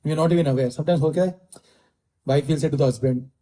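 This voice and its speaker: A man with an Indian English accent gives a scripture lecture to his listeners. His voice sits a little high yet sounds very dark and mellow. He repeats key phrases and drifts into Hindi mid-sentence. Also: quick pace, rough recording. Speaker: spiritual teacher giving scripture class.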